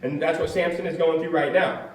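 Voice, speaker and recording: A man's voice: a little high, fairly even intonation, a little fast, a little hiss or hum. Man teaching from far in an echoey room. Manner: conversational, emphatic retelling with fillers. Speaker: Bible teacher. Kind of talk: casual Bible study teaching.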